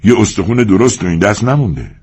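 A man voicing a calm, authoritative lead ranch hand who gives steady orders. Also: on the low side, voice pushed up. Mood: firm.

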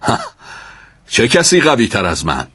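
A man voicing a proud, boastful young man who shouts out his strength. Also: lowish voice, wildly swooping pitch, breathy edge, full character voice.

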